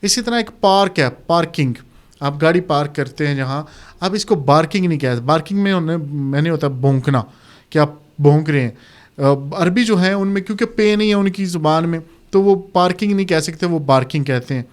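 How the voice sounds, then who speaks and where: A man with a Pakistani accent explaining exam criteria in a relaxed, conversational video lesson, mixing in English terms. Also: on the high side. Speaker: exam tutor.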